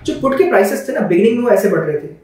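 A man's voice: high voice, expressive, rapid-fire, darkish tone. A man explaining his trading plan over charts in a conversational teaching manner, often asking rhetorical questions. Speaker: trading educator. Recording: very echoey room, mic at a distance.

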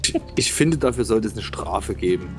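A man's voice: fairly low pitch, expressive, normal speed. An easygoing man chats while he plays online, mostly with brief replies. His intonation moves a lot, and faint game music sounds in the background. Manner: easygoing, brief agreeing remarks. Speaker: gamer playing online with friends. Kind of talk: casual let's-play chat.

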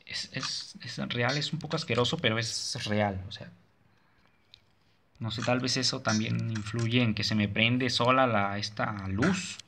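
A young man commenting nervously on a horror game, swearing, yelping and talking himself calm. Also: medium pitch, unhurried, a little hiss or hum. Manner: nervous, jumpy, swears and yelps. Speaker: gaming streamer.

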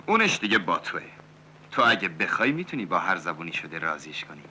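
Scheming club owner in an old dubbed film, very bright tense tone, animated. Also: male voice, low-pitched, a little hiss or hum, heavily acted. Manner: smooth-talking, businesslike. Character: scheming cabaret owner, smooth and persuasive. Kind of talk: dubbed 1970s film dialogue.

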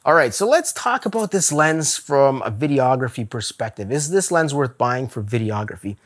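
A man's voice: medium pitch, sing-song, moderate pace, fairly bright tone. Chatty male camera gear vlogger. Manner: chatty, laughs often, candid opinions. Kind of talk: casual gear review vlog. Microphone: camera-mounted shot on a zoom lens.

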